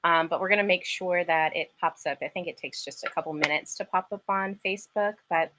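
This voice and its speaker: A woman's voice: on the low side, steady tone, brisk, pushed and bright, a little hiss or hum, poor audio. A woman hosting a live podcast, chatting enthusiastically with her guest. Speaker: podcast host. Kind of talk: casual live-stream interview.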